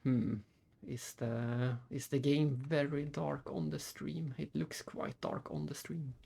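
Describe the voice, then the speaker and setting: A man's voice: a little high, flat delivery, slow pace, creaky, mellow, slightly rough. A man live-streaming a game, chatting casually and muttering his thoughts aloud to himself. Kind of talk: casual live-stream chat while playing.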